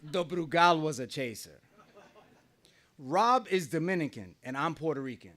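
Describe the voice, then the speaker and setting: At a small live venue, a middle-aged man from New Jersey relates a wry personal anecdote in a conversational style, laughing often. He speaks at normal speed in an animated voice that sits on the high side and sounds a bit bright.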